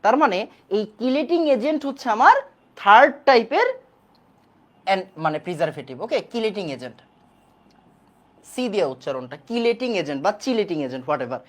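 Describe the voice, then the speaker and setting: A woman's voice: medium pitch, animated, a little fast, long pauses. Repetitive woman chemistry teacher, quizzing. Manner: repeats key points and quizzes the class. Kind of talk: online class lecture.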